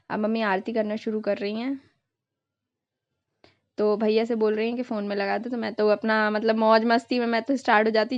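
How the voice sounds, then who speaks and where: A woman's voice: fairly high pitch, no echo, dull audio. A young woman vlogger narrating her family's festival video in a casual, chatty way, dropping in English words now and then.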